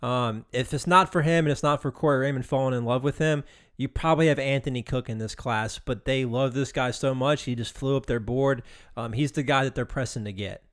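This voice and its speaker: A man with an ordinary mid-range voice, casually talking through football prospects. He sounds measured and agreeable, offering steady analysis as a podcast co-host. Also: mid-range voice. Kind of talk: casual sports talk.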